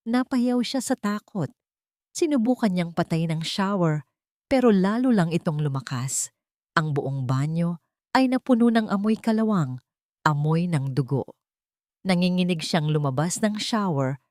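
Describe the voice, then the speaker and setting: A woman with a Filipino accent narrates a scripted dramatic story as an audiobook reader, her voice fairly low and darkish in tone. The sound is clean studio quality with no room sound.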